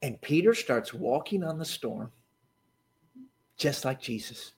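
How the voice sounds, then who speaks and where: A man preaching a sermon to a seated audience, animated, laughing often and swinging from quiet asides to shouted lines. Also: medium pitch, takes it slowly. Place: church or meeting hall with seated audience.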